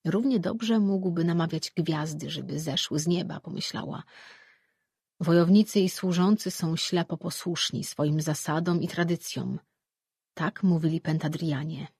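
An audiobook narrator tells the story in an even, steady way. The voice is husky and breathy, and sits at a middle pitch. The recording is dry and close. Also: moderate pace, no room sound.

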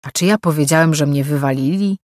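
A man's voice: fairly high pitch, fairly quick, darkish tone, dry recording, clean studio sound, lightly acted. A woman voicing a sly, chatty older male pawnshop owner who talks in a slightly raised, boastful way.

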